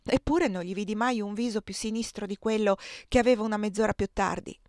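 A calm, skeptical companion from a storybook, read by a woman, reasons in a measured, even voice. The recording is close and dry, with no room sound. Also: mid-range voice, no room sound, close to an everyday voice.

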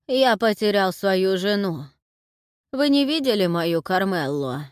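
A woman reading an audiobook, voicing a weary old male historian who speaks quietly and slowly. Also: mid-range voice, expressive, dry recording, clean studio sound, close to an everyday voice. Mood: resigned.

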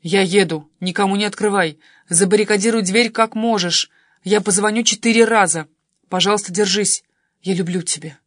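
A woman's voice: medium pitch, moderate pace, no room sound, studio quality, natural voice. A woman voicing a devoted, anxious young man who speaks tenderly and earnestly in an audiobook. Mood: urgent.

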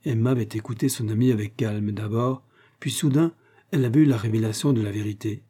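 Male audiobook narrator, dark husky tone, measured reading of a classic novel. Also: lowish voice.

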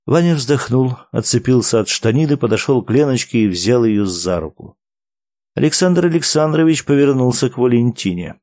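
A man narrating a story aloud in a calm, measured way. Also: medium pitch, dry recording, clean studio sound. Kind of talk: audiobook narration.

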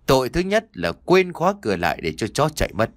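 A man's voice: mid-range voice, very animated, a little fast, no room sound, clean studio sound, lightly acted. A man voicing a cruel, vindictive older landlord in an audio story, menacing and sneering. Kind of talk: audiobook character voice.

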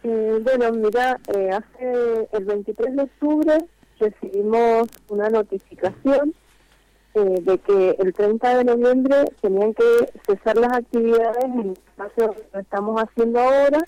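Calling in to a radio interview on speakerphone over a phone line, a woman speaks as a vendors' spokesperson. She explains at length and earnestly, pausing often. Her voice is on the high side with a dark tone, and there's no echo.

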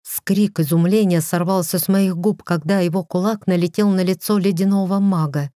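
Woman reading a novel, mellow and low. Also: fairly even intonation, normal speed, no echo, clean studio sound. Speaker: audiobook reader. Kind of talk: first-person novel narration.

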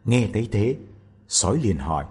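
A man reading a fairy tale aloud in an expressive, animated way. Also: fairly low pitch, normal speed, breathy edge. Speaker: storyteller.

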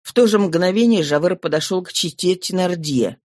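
An audiobook narrator reading a classic novel at an even, steady pace, in a mid-range voice. The recording is close and dry, with no room sound. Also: medium pitch, moderate pace, dry recording.

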